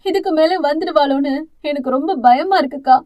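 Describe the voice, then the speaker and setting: A woman's voice: high-pitched, fairly quick, muffled recording, close to an everyday voice. A woman voicing a grieving, fearful mother who laments through tears, in an audio novel. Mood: anguished. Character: anguished mother, weeping and fearful.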